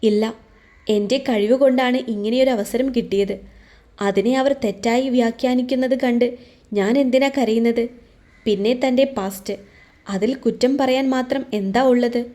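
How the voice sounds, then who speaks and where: A woman voicing a hurt young female office worker who speaks in a low, tight voice. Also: fairly even intonation, normal speed, mellow, natural voice.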